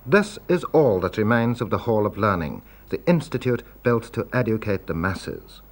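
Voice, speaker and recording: A man's voice: lowish voice, lively intonation, moderate pace. A man reporting in scripted documentary narration, in carefully written sentences. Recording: faint background noise, archive recording.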